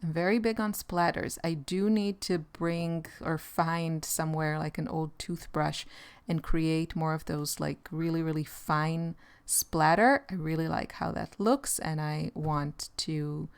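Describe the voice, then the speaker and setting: A woman with an Israeli accent chatting casually about her art while she paints, relaxed and rambling. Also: sits low, measured pace, clear, resonant tone. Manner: relaxed, rambling, with light laughs. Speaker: artist and channel host.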